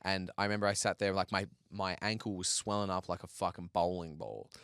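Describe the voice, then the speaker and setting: Smooth-voiced man telling a story. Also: low voice, a little fast, no room sound, clean studio sound. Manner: animated, acts out others' lines in raised voices. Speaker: podcast co-host. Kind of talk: casual storytelling chat.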